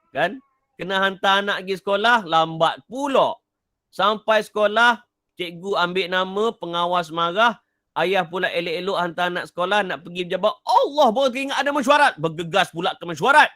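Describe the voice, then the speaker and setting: A man's voice: sits high, pushed and bright, dry recording, clean studio sound. A middle-aged man from Kelantan, Malaysia, giving a live online motivational talk. He repeats his key points, quizzes listeners and reads their answers from the chat. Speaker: motivational speaker.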